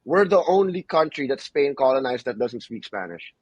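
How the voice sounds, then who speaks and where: A man's voice: medium pitch, big pitch swings, moderate pace, breathy edge, dry recording, dull audio. A young man from the Philippines hosting a casual podcast chat, laid-back and peppering his talk with "bro" and "you know what I mean". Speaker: podcast host.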